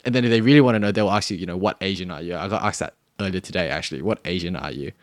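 In clean, dry studio sound, a young Australian man co-hosts a podcast, his low voice delivering rapid-fire, casual chat that rambles with many fillers.

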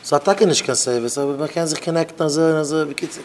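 A man, a rabbi, giving an informal sermon to students, repeating phrases for emphasis and swinging between loud bursts and quiet asides. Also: on the high side, quick pace, slight background noise.

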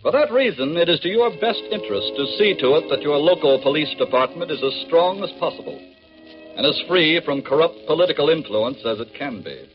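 A man with a slightly high, varied voice narrates solemnly in 1940s radio style. The scripted delivery has measured emphasis and the muffled sound of an old broadcast disc. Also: expressive, over music. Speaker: narrator of a radio crime drama.

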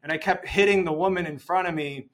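A man from Chicago, a functional medicine doctor, chatting casually as a podcast guest and telling stories in a relaxed way with small repeats. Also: on the high side, fast, low-quality recording. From Chicago, United States. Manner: relaxed storyteller, repeats words. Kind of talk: casual interview chat.

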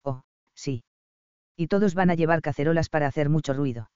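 Man as a meddling middle-aged mum, teasing and chatty, crisp voice. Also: fairly high pitch, fairly quick, darkish tone, dry recording, lo-fi sound, lightly acted. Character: cheerful, meddling middle-aged mother on a ranch.

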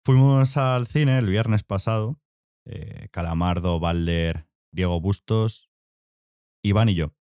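A man's voice: lowish voice, slow, dark tone, clear, resonant tone, no echo, studio quality. A young man co-hosting a podcast, telling a rambling story full of fillers and swearing in casual chat. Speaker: podcast co-host.

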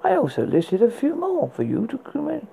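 A performer playing a spooky horror host, reading recommendations in a husky, gravelly voice with a halting, stumbling delivery. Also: high voice, huge pitch swings, warm tone, slight background noise, full character voice. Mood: playfully macabre. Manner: halting read with stumbles and repeated words. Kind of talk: scripted horror book and film recommendations read as a horror host.

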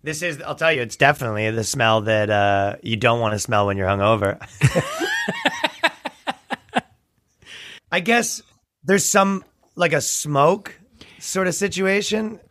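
Casual male interview guest, gravelly and raspy, forceful tone, recorded dry. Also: mid-range voice, animated, normal speed, dry recording. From Canada. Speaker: comedian and musician, interview guest.

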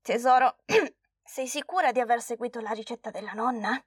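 A soft, serene old grandmother from a storybook, voiced by a woman reading aloud. She speaks calmly and quietly, always reassuring. The sound is close and dry. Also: fairly high pitch, moderate pace, husky, no echo. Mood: soothing.

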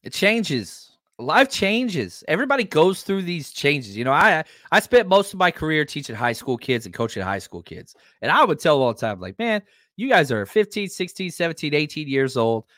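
In his forties, this sports podcast host has a high, animated voice that rises and falls. He talks at a moderate pace, hammering his points home through repetition. The audio is close and dry, with no echo.

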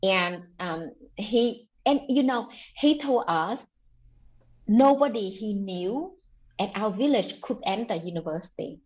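A woman speaks earnestly as a guest, recounting her childhood at a middle pitch. Her speech is dotted with "you know" fillers. The audio is dull and lo-fi, lacking high end. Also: lively intonation, slow pace, a little mellow. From Vietnam. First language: Vietnamese. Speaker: author guest. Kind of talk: conversational interview storytelling.

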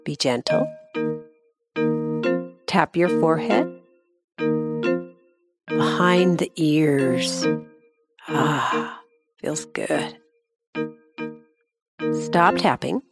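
A woman gently guiding children through a mindfulness exercise in soft, slow instructions. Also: low-pitched. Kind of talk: guided meditation. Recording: voice over clear music. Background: background music.

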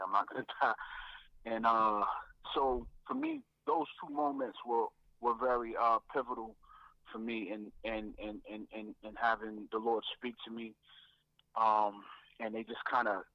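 A man, a guest rapper, telling his faith story in a reflective way, often repeating words and filling pauses. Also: fairly low pitch, dry recording, lo-fi sound.

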